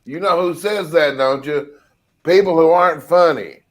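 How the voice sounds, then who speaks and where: A man co-hosting a casual chat, firing off quick quips and laughing along. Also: a little high.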